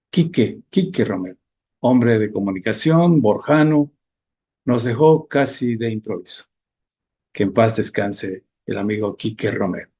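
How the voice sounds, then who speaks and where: A man hosting a cultural radio segment, giving tributes and reading a poem aloud in a measured, reciting way. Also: mid-range voice, dark tone, slightly rough. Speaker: radio program host. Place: radio studio.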